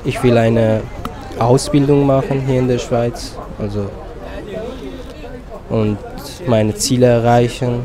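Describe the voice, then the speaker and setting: Slow Afghan man, street noise behind. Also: medium pitch, flat delivery, crowd noise. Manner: searching for words, small grammar slips. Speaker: apprentice. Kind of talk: interview statement.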